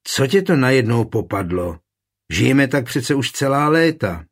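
Reader doing steady village man, blunt but warm, husky and firm, audiobook. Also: mid-range voice, pitched above the performer's own voice. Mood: teasing.

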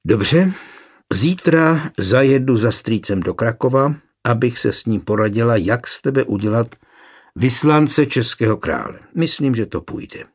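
A man with a husky voice reading the lines of a spoiled noblewoman pleading with her husband in an audiobook. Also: medium pitch, lively intonation. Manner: pleading, emotional. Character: spoiled noblewoman, wife, pleading then defiant.

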